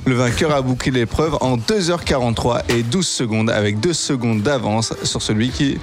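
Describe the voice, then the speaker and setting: A man hosting a radio morning show with lively banter, playful and teasing as he puts questions and reads out light items. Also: medium pitch, normal speed, music in the background.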